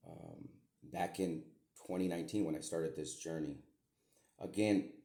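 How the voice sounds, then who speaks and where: A man's voice: low voice, a little slow, mellow. A middle-aged man and podcast host, talking to his daughter in a meandering, repetitive way with some mild swearing. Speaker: podcast host, self-described medium. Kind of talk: rambling spoken message to his daughter. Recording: echoey room.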